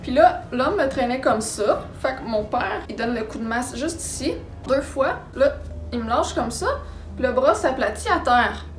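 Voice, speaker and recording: A young woman with a Québécois accent telling a story in a casual, animated, dramatic way. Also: sits high, normal speed. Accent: Québécois French. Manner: animated, dramatic, acts out sounds and quotes. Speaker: vlogger. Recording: roomy echo with background music.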